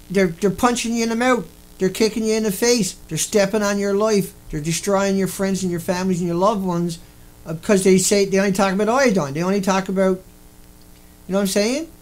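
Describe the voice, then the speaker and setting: A man delivering an angry, profane ranting monologue, repeating himself and bursting into shouts. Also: high-pitched, rough recording. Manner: repetitive, profane, indignant. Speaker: video host.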